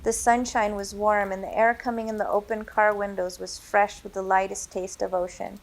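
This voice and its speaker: A woman reading her own novel aloud in a measured, dramatic narration. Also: mid-range voice, level tone. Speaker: author reading her book. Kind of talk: storybook reading.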